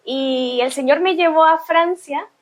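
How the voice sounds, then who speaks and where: A woman from Honduras preaching a sermon, speaking in short phrases and pausing for an interpreter. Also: sits high. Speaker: guest preacher. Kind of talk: bilingual sermon with live interpreter.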